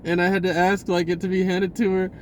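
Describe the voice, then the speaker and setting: In a rough recording with a little hiss or hum, a man with a high-sitting voice talks quickly and completely flatly. He's a vlogger telling a personal story casually and slangily, rambling and acting out bits of dialogue.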